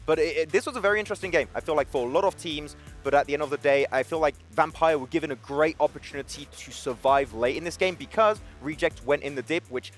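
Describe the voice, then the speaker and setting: Fast-talking man breaking down plays. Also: fairly high pitch, soft background music. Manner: energetic, quick tactical breakdowns. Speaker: esports analyst. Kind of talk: analyst desk discussion. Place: broadcast studio.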